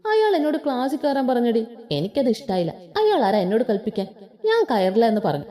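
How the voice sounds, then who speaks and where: A woman's voice: on the high side, sing-song, brisk, warm tone. A woman voicing a brash, hot-tempered young college student ranting to friends. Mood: indignant. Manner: brash, indignant.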